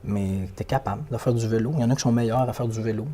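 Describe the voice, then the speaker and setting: A man's voice: lowish voice, steady tone, very fast, mellow, slight background noise. A man with a Québécois French accent, a motivational speaker giving an interview, who repeats words and phrases for emphasis. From Quebec. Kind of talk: animated interview talk.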